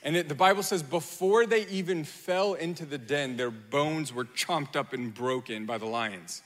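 In a large hall with long reverb, a man preaches at a moderate pace, sitting fairly high in pitch for a male voice. He tells the Bible story with lively energy and quotes its people in character as he goes.

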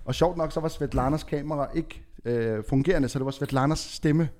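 A man's voice: on the high side, a crowd in the background. A man with a Danish accent telling a crude, joking story on a podcast, dropping in English phrases. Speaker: podcast host. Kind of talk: casual chat.

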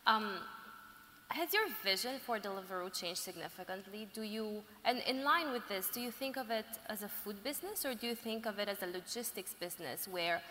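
A woman's voice: medium pitch, animated, fairly quick, a little hiss or hum. A woman interviewing a guest on stage, asking questions in an encouraging manner. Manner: warm encouraging questions, laughs along. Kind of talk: onstage interview. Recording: echoey hall with long reverb.

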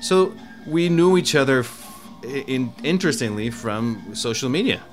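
A man's voice: medium pitch, expressive, unhurried, faint music behind. A man who was born in Mexico, talking in a rambling, casual way as a guest about food and cooking. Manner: rambling, many restarts and fillers. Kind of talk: casual conversation.

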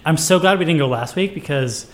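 A man's voice: on the high side, fairly quick, a bit bright. A man guest on a food podcast, chatting casually and joking about himself. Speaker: guest, ice cream maker.

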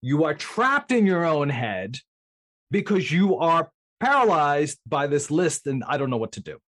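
A man's voice: fairly high pitch, sing-song, a little slow, a bit bright. A man chatting casually as a guest coach in a podcast interview.

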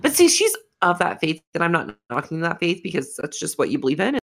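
A young woman co-hosting a podcast, chatting casually in a lowish voice. She rambles, cuts herself off mid-thought and laughs easily. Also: very animated, fast. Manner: rambling, laughs often, self-interrupting. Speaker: podcast co-host. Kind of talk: casual chat.

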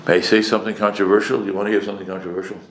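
This rabbi's voice is fairly low and fairly flat in pitch, and he races through a Torah lecture delivered as a sermon to a live audience. He speaks emphatically, poses rhetorical questions, repeats phrases, and mixes in Hebrew and Yiddish terms, all in an echoey room.

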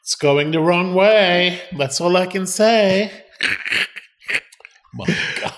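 A man's voice: high-pitched, drawn-out words, fairly bright tone. A man in his fifties hosting a casual podcast chat, talking expressively with sighs, laughs and dramatic exclamations. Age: 50s. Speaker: podcast host.

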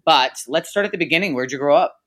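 Bright-voiced chatty male host. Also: a little high, fast talker. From New Jersey. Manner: chatty, rambling. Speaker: interview host, casting director. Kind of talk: casual video interview.

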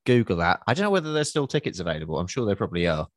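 A man's voice: low voice, big pitch swings, very fast, dry recording, clean studio sound. A man hosting a casual interview, informal and often restarting his questions mid-sentence. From Essex, England. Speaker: podcast host, interviewer. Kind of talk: casual chat.

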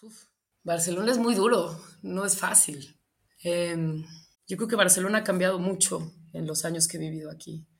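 A woman's voice: lowish voice, moderate pace, gravelly. Mexican woman telling stories in an interview. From Michoacán, Mexico. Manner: animated storytelling, acts out quoted lines. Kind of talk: reflective interview answers.

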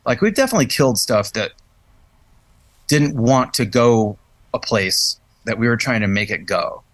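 A man's voice: mid-range voice, animated, normal speed, no echo. A man hosting a podcast, chatting in a thoughtful, searching way and often restarting phrases. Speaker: podcast host, musician. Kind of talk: casual chat.

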